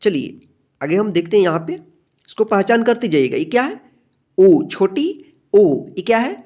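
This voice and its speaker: A woman's voice: mid-range voice, sing-song, a little slow, dark tone. A woman teaching a beginner alphabet lesson, patient and repetitive, who draws out each letter sound and checks in with her students again and again.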